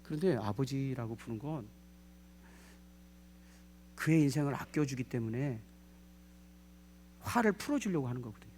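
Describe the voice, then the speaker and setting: A male pastor preaching a sermon in a lively way, putting questions to the congregation and acting out what people say. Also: medium pitch, moderate pace, long pauses, a little hiss or hum. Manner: lively, asks the congregation questions, acts out quoted speech.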